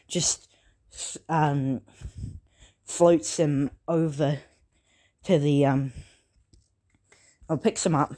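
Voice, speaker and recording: A casual narrator talking through a homemade fan story. The delivery is slow and halting, with frequent fillers and restarts. The voice has a mellow, dark tone and sits at a middling pitch. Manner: halting, many fillers and self-corrections. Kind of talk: casual spoken story retelling.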